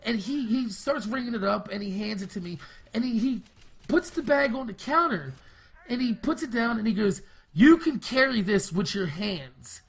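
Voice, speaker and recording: A man's voice: very high voice, moderate pace, gravelly, a bit bright. A man around thirty, a gaming video host, telling a rambling, profane story in casual storytime style. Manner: rambling, profane, heavy on filler words. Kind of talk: casual storytime over gameplay.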